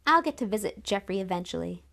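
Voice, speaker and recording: A woman's voice: medium pitch, big pitch swings, fast talker, gravelly, fairly bright tone. A woman voicing a theatrical, exuberant young girl in an audiobook. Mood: brave. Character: an eager, dramatic young sister. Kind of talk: audiobook character reading.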